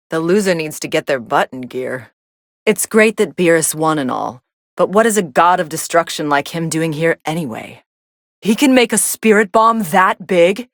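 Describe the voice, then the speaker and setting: A woman's voice: sits low, dry recording. A woman playing a cool, sardonic young female android fighter commentating matches in an anime video game, with a dry, sarcastic delivery. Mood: bored, scornful.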